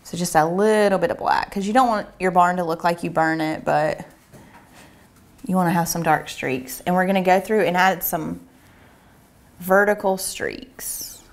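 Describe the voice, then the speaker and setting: A woman, giving a relaxed, chatty step-by-step painting tutorial at home, talking as she paints. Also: on the low side, normal speed. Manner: relaxed, chatty, thinks aloud while painting. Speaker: painting instructor. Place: home room with a painting easel.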